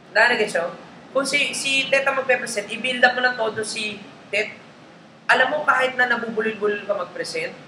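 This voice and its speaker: This is a network marketing trainer coaching a live group, his high-sitting voice carrying a sharp tone. He speaks casually, blending Tagalog with English, and often asks how listeners are following. There's a roomy echo and faint background noise.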